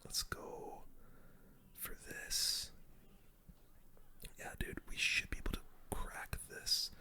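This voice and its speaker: A game streamer whispers casual ASMR commentary while playing, breathy and unvoiced, talking slowly through each move with plenty of gamer slang.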